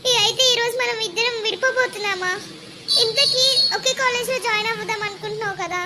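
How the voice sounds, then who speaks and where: A voice actor playing a gentle schoolgirl who consoles her crying boyfriend. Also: extremely high pitch, quick pace, very noisy. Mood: gentle consoling. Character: sweet, soothing schoolgirl sweetheart.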